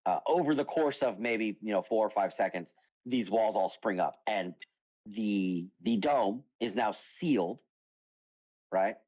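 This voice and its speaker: A man's voice: on the low side, animated, unhurried, darkish tone, highs cut off. A man narrating as game master in a tabletop game, rambling with lots of fillers and breaking into laughter easily.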